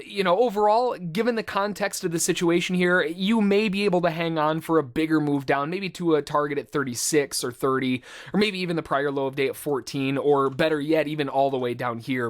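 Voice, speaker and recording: A trading instructor with a fairly high voice gives informal live commentary, explaining things conversationally and filling his talk with trading jargon.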